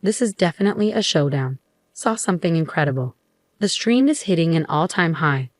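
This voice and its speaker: A woman reads an eager young man livestreaming the drama around him, gossipy and thrilled. The voice is low and close. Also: lively intonation, brisk, dry recording. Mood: excited. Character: excited male YouTuber streaming a scene.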